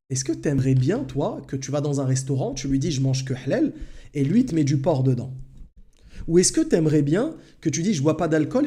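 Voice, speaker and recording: A man hosting a live stream, telling a personal anecdote in an animated way and addressing his audience directly. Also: a little high. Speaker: religious talk host.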